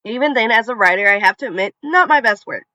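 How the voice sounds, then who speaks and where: Reading revenge tales from the internet at a quick pace, this story channel narrator sounds animated, bright and forceful in a mid-range voice. The reading is conversational, with casual asides and occasional stumbles where a word gets restarted. The audio is dry, dull and slightly lo-fi.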